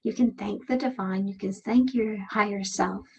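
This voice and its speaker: A woman giving a calm motivational presentation, speaking gently and reflectively with slow phrasing and pauses. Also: mid-range voice, breathy edge, dull audio. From Canada. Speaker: speaker and workshop leader.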